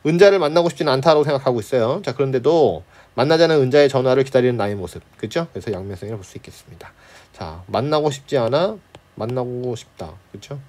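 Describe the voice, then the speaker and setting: Animated and darkish in tone, this medium-pitched male voice belongs to a Korean literature tutor guiding students through an exam problem set. He chats along, often asks "right?", pokes fun at wrong answers, and acts out characters in brief, playful asides.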